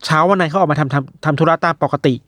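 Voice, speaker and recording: Man, quick talker, slightly high voice, dry close sound, chatty storyteller. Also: no echo. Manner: animated retelling with quoted voices. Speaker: storyteller of odd news. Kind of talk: casual chat.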